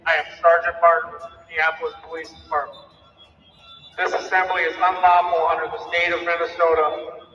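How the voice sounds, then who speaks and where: A male police sergeant gives a formal dispersal order over a loudspeaker, his high voice held almost completely flat. The announcement echoes from far off across an outdoor street. Loud music plays behind it. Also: lo-fi sound. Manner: flat, measured official announcing. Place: outdoor street outside a hotel. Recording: distant echoing loudspeaker on a live feed.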